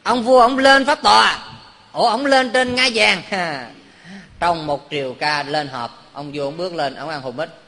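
A monk with a high, bright voice gives a playful dharma talk. He keeps putting questions to his listeners and drifts into funny stories. His voice rings through a large hall with a long reverb. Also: measured pace. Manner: quizzes the audience, jokes and tells stories. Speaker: Buddhist monk teaching.

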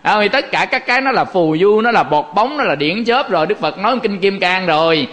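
A man with a Southern Vietnamese accent giving a Buddhist dharma talk in a folksy, animated way, acting out little quoted exchanges. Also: sits high, a little fast. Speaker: Buddhist monk teaching.

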